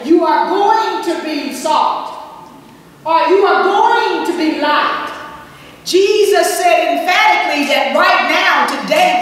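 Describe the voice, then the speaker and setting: Slow, high-voiced woman preaching. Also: fairly bright tone. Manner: slow, emphatic preaching with call-and-response "Amen?". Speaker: pastor. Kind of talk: sermon. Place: church sanctuary. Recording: echoey church sanctuary from far off with faint hum.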